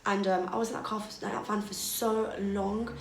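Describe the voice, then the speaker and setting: A woman's voice: mid-range voice, flat delivery, normal speed, slight background noise. A young British woman telling a personal story in a casual, chatty way, full of fillers. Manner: chatty, filler-heavy, acts out quoted dialogue. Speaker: vlogger. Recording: echoey room.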